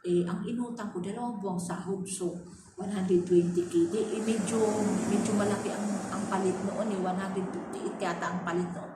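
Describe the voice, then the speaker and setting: A woman's voice: steady tone, moderate pace. A woman from the Philippines, a former domestic worker, casually recounting her time with her employers and acting out their dialogue. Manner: chatty, restarts, acts out quoted dialogue with rising pitch. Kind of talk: casual personal storytelling. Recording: echoey room, far from the mic, noisy background.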